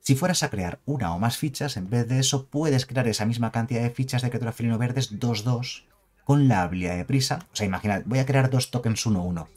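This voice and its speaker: A man's voice: on the low side, a little mellow. A man with a Spain Spanish accent giving a chatty, emphatic card game review, with jokes and asides. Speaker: card game video creator. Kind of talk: casual card review commentary.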